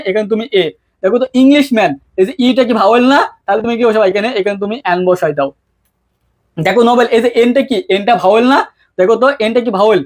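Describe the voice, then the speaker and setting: A man teaching an English grammar lesson, constantly asking his students questions and answering them himself in a casual, colloquial way. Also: extremely high pitch. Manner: quick-talking, keeps asking students questions; colloquial, mixes English terms into speech. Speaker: English tutor. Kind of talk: online exam-prep lesson.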